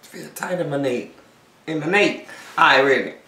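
A woman's voice: low-pitched, moderate pace, slight background noise. A woman hosting a mukbang video, chatting casually and joking in slang while eating, in a small room. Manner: relaxed, joking, slangy banter. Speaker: mukbang channel host. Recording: echoey small room, far from the mic.

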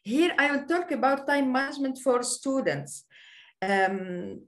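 Tunisian woman lecturer, French-accented English, slow and halting over a video call, slightly high voice. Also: expressive. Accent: French-influenced English. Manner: hesitant, many fillers. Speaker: business lecturer. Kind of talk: online lecture presentation.

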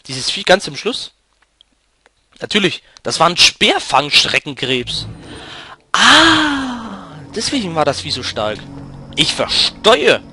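A young man hosting a let's play, talking in slangy commentary that drops to mumbles and bursts into loud shouts during fights. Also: a little high, big pitch swings, normal speed, breathy edge.

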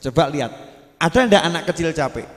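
A man with a fast, high-side voice preaches a sermon in a lively way, asking the crowd questions and drawing out his words. Long hall reverb surrounds the recording.

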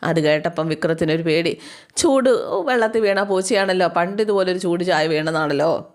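A woman's voice: on the low side, normal speed. Chatty woman retelling a TV serial. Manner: chatty, lively voicing of characters' lines. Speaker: serial episode recapper. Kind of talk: casual storytelling recap with acted quotes.

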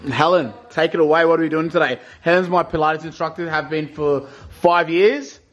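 A man in his thirties, a vlogger and rugby league player, chats casually to a handheld camera held at arm's length in an upbeat, slangy hype style. His voice is a little high and fairly bright at a moderate pace, though the audio is dull, with clear traffic and room noise behind.

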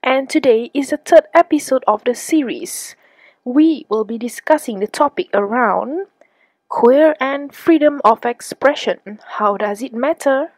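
A woman hosts a podcast, reading her lines slowly and deliberately. Her voice sits a little high and sounds dry and close. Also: a little mellow, dry recording, rough recording. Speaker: podcast host. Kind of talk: scripted podcast intro.

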